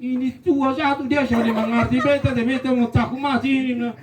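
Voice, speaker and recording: A man voicing a frightened young male soldier with a Rote accent, pleading in a fast, panicky way. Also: very high-pitched, flat delivery, crowd noise, voice pushed up. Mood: panicked. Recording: echoey room, distant mic.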